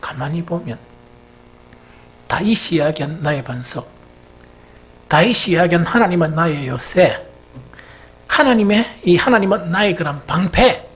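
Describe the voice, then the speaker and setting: A man's voice: a little high, a little slow, pauses often, breathy edge, poor audio. A man with a Gyeongsang accent preaching a Sunday sermon as senior pastor, asking his congregation rhetorical questions and telling homely stories. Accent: Gyeongsang Korean. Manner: lively preaching with rhetorical questions and folksy storytelling. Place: church sanctuary.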